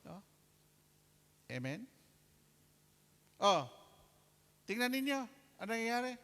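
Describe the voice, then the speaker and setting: A man preaching a sermon with a notably high voice. He keeps checking in with the crowd and acts out his stories with lively asides. The sound hangs in a long, ringing hall reverb. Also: slow pace. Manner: animated preaching with call-and-response asides and acted-out anecdotes. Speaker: lay preacher.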